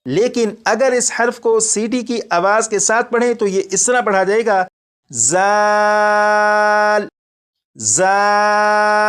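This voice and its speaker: In a classroom setting, a high-voiced man teaches Quran recitation, going over each point again and again with patience and pronouncing letters slowly.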